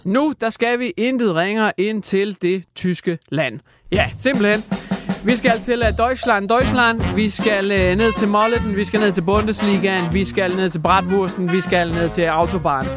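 Male comedy host, high voice, deadpan rambling, music bed behind. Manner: mock-serious, rambling with fillers. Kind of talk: satirical comedy radio bit.

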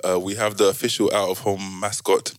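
A man with a London roadman accent hosting a podcast casually, with halting delivery and repeated words. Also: low-pitched, level tone, a little hiss or hum. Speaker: podcast host.

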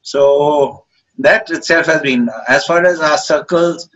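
A man in his seventies with an educated upper-class Indian English accent, giving reflective interview answers in a halting, hesitant way as he searches for words. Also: on the high side, fairly even intonation, a bit bright. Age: 70s. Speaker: interviewed author. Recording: dull, muffled lo-fi call audio.

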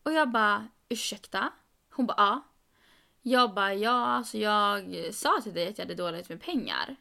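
A woman's voice: medium pitch, gravelly. A young woman co-hosting a podcast, telling a story in casual chat and quoting people with rising emphasis. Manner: animated, quoting others with "jag bara" and rising emphasis. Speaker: podcast co-host.

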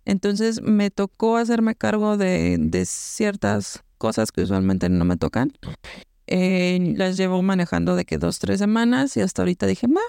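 A Mexican woman co-hosting a podcast, telling a story in casual chat with lots of slang and an animated manner. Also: mid-range voice, unhurried, creaky, smooth, dry recording, studio quality. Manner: animated, slangy, acts out voices in anecdotes. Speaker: podcast co-host.

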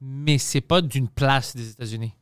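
A man from Montreal with a slight Greek accent, hosting a casual podcast chat in an animated, emphatic way. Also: medium pitch, normal speed, clear, resonant tone, dry recording, clean studio sound. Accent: slight Greek accent in French. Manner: animated, emphatic, repeats himself. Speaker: podcast host.

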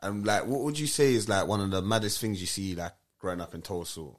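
A man with a London roadman accent speaks in a deep voice as co-interviewer. He chips in casually with short slangy remarks. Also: fast. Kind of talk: casual slangy backchannel chat.

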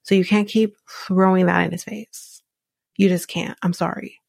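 A woman's voice: on the low side, little pitch movement, moderate pace, creaky, darkish tone, no room sound. A young woman hosting a podcast, recapping a reality show in a casual, opinionated, chatty way, full of "like" and "um" and laughing at her own asides. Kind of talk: casual chat.

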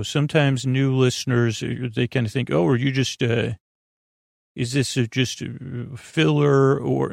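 Recorded close and dry with no room sound, a man with a medium-pitched, creaky, vocal-fried voice hosts a bedtime sleep podcast. His improvised monologue is halting and meandering: he stammers, stumbles over words, trails off into tangents, and comes across as absent-minded and self-deprecating.

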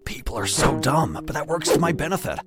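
Man voicing a gloating con-man cult leader, lively swooping tone, slightly high voice, music behind. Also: brisk, natural voice. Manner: gloating, mocking. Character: greedy scheming male cult leader, smug. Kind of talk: animated story voice acting.

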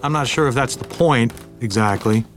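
A man's voice: mid-range voice, moderate pace, soft background music, natural voice. A man playing a laconic, slightly impatient husband in an audio drama, with wry, clipped replies.

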